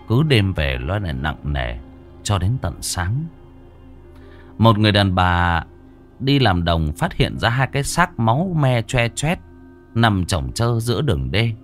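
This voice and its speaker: A man narrates a horror story in a vivid, expressive manner. His lowish voice swoops widely in pitch. Faint music plays beneath him.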